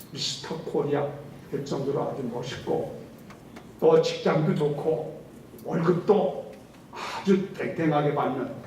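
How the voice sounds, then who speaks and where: A male pastor preaching a Sunday sermon in an animated way, acting out quoted speech. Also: fairly high pitch. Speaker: senior pastor. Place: large church sanctuary. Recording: very echoey hall, distant mic, faint hiss.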